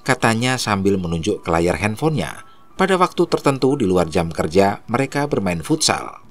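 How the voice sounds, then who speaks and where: A man narrating a horror story in a steady storytelling manner. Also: lowish voice, moderate pace, faint music behind.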